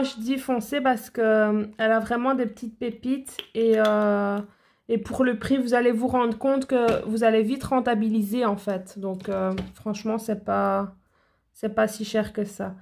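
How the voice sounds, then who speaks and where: A woman's voice: on the high side, steady tone, measured pace, vocal fry, a little hiss or hum. A woman nail educator talking in a chatty, enthusiastic way to her viewers in a casual product haul, with many fillers and restarts.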